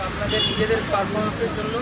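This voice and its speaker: In this amateur clip with loud, steady noise in the background, a young man talks fast in a high-pitched voice. He has a West Bengal Bengali accent, comes from West Bengal, India, and works as a speaker repair technician hosting his own channel. His casual product showcase vlog is informal, repetitive, and reassuring.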